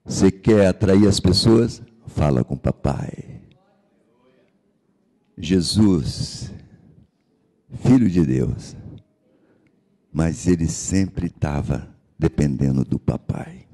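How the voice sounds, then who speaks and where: Gravelly Capixaba pastor preaching slowly. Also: male voice, low voice, dark tone. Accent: Capixaba Brazilian Portuguese. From Espírito Santo, Brazil. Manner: impassioned preaching, asks the congregation rhetorical questions. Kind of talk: sermon.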